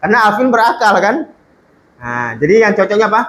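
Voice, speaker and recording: A man teaching an Arabic lesson to a class. He reads Arabic slowly aloud, explains it, and puts questions to his students. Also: high-pitched, big pitch swings, a bit bright, slight background noise, rough recording.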